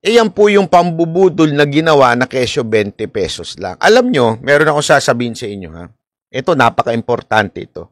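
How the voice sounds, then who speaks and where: A man's voice: mid-range voice, sing-song, brisk, dry recording, studio quality. A man from the Philippines giving casual, chatty political commentary, laughing often and talking straight to his viewers.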